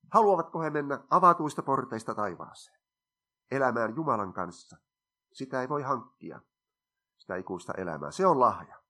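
An older man gives a sermon with a bright, forceful voice. He explains scripture point by point in an earnest, teaching way. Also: medium pitch. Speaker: preacher.

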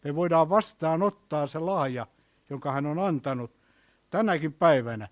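A man preaching a sermon, telling a story and asking his listeners questions, his voice swinging between hushed and loud. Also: a little high.

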